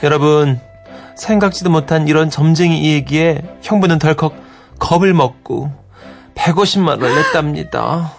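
A man's voice: a little high, moderate pace, vocal fry, faint music behind. Man reading a listener letter on radio. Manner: lively storytelling. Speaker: radio host.

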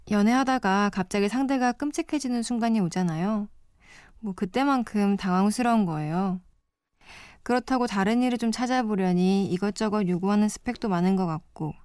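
A calm, reflective woman hosts a late-night radio program in a studio. Her voice sits at an ordinary middle pitch and sounds close and dry, with no room around it. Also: dry recording. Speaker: guest radio DJ.

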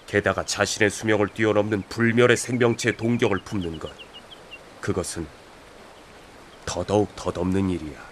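Man playing a low-voiced, stern ancient wizard. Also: steady tone, moderate pace, long pauses, slight background noise, close to an everyday voice. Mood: solemn admonishing. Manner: solemn, admonishing. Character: stern, ancient male wizard master lecturing his pupil. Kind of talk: radio drama acting.

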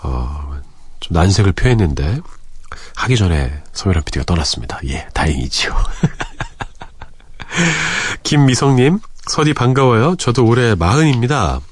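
A man in his forties hosting a late-night radio show, chatting easily and reading listener messages with soft breathy asides. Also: on the low side, animated, moderate pace, no room sound. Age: 40s. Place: radio studio. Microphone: close studio microphone.

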